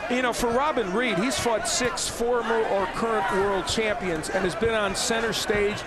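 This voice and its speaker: A male boxing analyst talks through the fight in flowing, explanatory live commentary. His voice is pitched high, with intense crowd roar and noise behind him. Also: steady tone, normal speed. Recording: very loud arena crowd noise. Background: roaring fight crowd.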